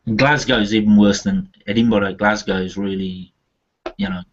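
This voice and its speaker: A man chatting casually with friends, self-deprecating and laughing. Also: fairly low pitch. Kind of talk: casual group chat. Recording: dull lo-fi sound.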